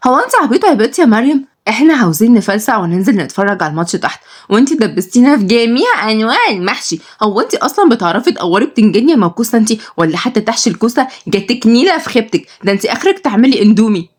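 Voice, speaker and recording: A woman voicing a sharp-tongued, bossy young granddaughter in an Egyptian accent. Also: lively intonation, rapid-fire, hardly any pauses, lightly acted. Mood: scolding. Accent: Egyptian Arabic. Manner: scolding, shrill.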